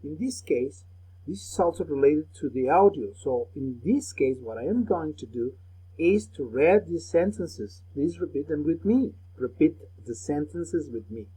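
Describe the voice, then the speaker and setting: A male teacher with a deep, husky, mellow voice leads a recorded remote lesson, guiding pupils patiently step by step and saying phrases twice so they can repeat after him. He is expressive and takes it slowly, though the audio quality is poor.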